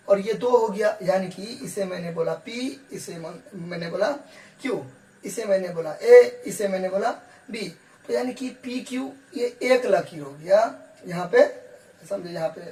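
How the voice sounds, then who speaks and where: A man's voice: sits high, darkish tone. A male math teacher talks through a geometry lesson, asking rhetorical questions and answering them himself. He keeps checking in with "okay" and slips English terms into his explanation. He is heard from a distance in a reverberant room. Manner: repetitive, asks rhetorical questions and answers them, frequent "theek hai".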